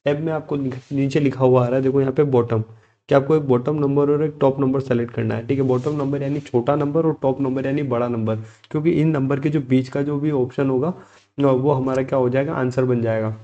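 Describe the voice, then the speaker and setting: A man with a mellow, unhurried voice talks through a software tutorial click by click. He keeps checking in with the listener and voices the students' questions himself before answering them. The recording sounds a little dull and lo-fi. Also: mid-range voice, fairly even intonation. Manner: steps through clicks, repeating "theek hai" and posing students' questions himself. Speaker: computer tutor.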